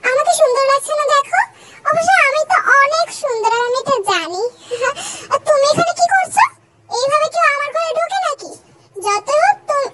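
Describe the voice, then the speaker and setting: A woman's voice: very high-pitched, voice pushed up. A young woman voicing a vain, giddy young prince who boasts in a singsong way. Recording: loud background hiss.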